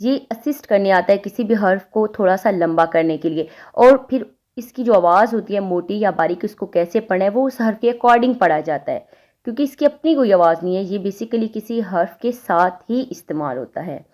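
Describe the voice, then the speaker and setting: A woman's voice: mid-range voice, expressive, a little mellow. Patient woman teaching recitation sounds. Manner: demonstrates letter sounds slowly, drawn out; patient, repeats points to the listener. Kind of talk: explanatory tajweed lesson.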